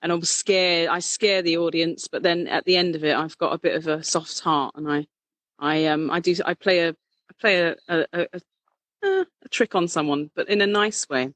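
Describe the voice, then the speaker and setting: A woman talking animatedly as an interview guest, quick to laugh and often restarting her sentences. Her voice is bright and forward, recorded dry and close. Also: lowish voice, no room sound, low-quality recording. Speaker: drag king performer, guest. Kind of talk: casual interview chat.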